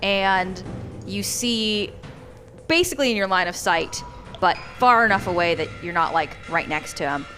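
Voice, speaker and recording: A woman runs a live tabletop game, narrating the action with hesitant pauses and filler words. Her voice is bright and crisp, and she turns cheerful as she thanks the audience. Soft music plays faintly behind her. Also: medium pitch, expressive. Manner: hesitant, many ums while narrating, upbeat when thanking. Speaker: game master. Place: community media studio table.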